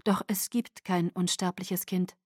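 A frightened, remorseful vampire woman speaks softly, almost in a whisper, stumbling over her words, as a woman reads her part. The sound is dry and close. This is an audiobook reading. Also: lowish voice, flat delivery, unhurried, no echo. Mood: resolute, remorseful. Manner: hushed and stammering.

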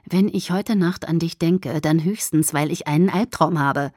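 A cocky young man in an audiobook, persistent and teasing, his low voice pressing softly and dry, as a woman reader puts him on. He pleads in a hushed tone with no room around him. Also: moderate pace, dry recording. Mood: confident. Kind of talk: audiobook character voice.

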